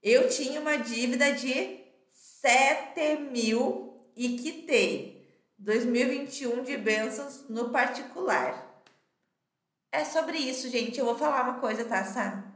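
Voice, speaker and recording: A woman's voice: sits high, takes it slowly, a bit bright. Chatty Brazilian woman in an echoey room. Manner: chatty, emphatic, tags phrases with "tá?". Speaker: podcast co-host. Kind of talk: casual chat, reading listener comments.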